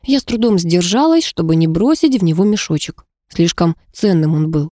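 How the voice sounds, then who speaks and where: A woman reading a first-person fantasy audiobook in a measured, expressive way. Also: on the low side, no echo, clean studio sound. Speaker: audiobook narrator.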